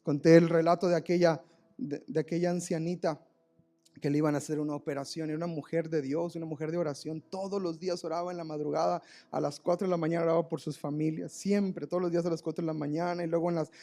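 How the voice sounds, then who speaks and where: A man's voice: a little high, little pitch movement, quick pace, dark tone. A man preaching a live church sermon, telling a story with emotion and often repeating words. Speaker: pastor. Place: church service, recorded live.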